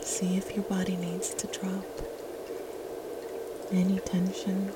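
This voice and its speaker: A woman leading a guided meditation in a soft, soothing, gentle spa-like whisper, as the host. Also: mid-range voice, completely flat delivery, takes it slowly, heavy background noise. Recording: loud watery ambience, dripping water. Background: running and dripping water ambience.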